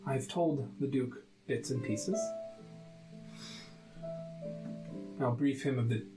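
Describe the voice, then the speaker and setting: A man voicing a formal, measured female official in a tabletop fantasy game, with halting, stately phrasing. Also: mid-range voice, lightly acted. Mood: grave. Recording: roomy echo, plucked guitar music behind.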